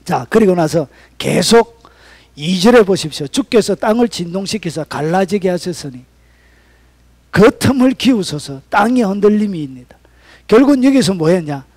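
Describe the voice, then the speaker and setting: A male pastor preaching a sermon, swinging between loud cries and hushed whispers. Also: sits high, animated, moderate pace, no room sound.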